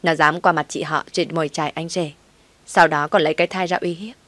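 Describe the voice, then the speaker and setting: Woman reading as a coldly calm wronged wife. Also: deep voice, a little fast, no echo. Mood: cold, firm. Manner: calm and firm.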